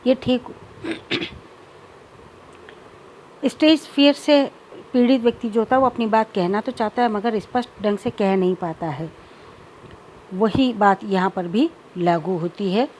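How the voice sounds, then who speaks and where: A woman lecturer explaining childhood speech disorders in a measured teaching manner, slipping English terms into her explanations. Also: mid-range voice, darkish tone, a little hiss or hum, poor audio. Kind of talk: recorded lecture.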